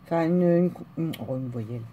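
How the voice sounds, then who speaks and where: A woman's voice: deep voice, moderate pace, narrow, tinny audio, slight background noise. A woman in a casual chat, opening mail on camera, gushing and exclaiming as she goes, with lots of fillers.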